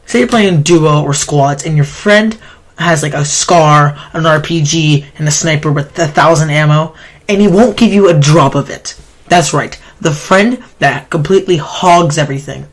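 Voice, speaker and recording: Nasal and sore-throated, the man keeps rambling through his countdown commentary as a YouTuber, griping and fixing his own sentences partway through. He speaks at a moderate pace, his voice on the high side.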